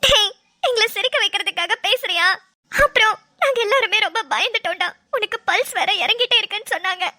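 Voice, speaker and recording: Very high, tearful young woman friend, voiced by a woman. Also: fairly quick, sharp tone, no room sound. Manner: tearful, scolding out of worry. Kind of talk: cartoon voice acting.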